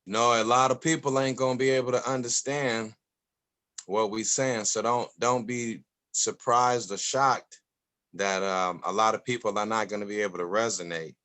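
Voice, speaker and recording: A man's voice: fairly low pitch, steady tone, moderate pace, pushed and bright. Emphatic man giving advice on a call. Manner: emphatic, preachy, repeats phrases. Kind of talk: casual group call.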